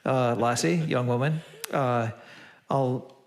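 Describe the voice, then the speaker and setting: A man with a Scottish accent softened by years in America, a native Scots speaker, chattily introducing songs and explaining dialect words as a singer at a concert. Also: medium pitch, fairly even intonation, slow. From Aberdeen, Scotland. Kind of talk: casual spoken introduction between songs. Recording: long hall-like reverb.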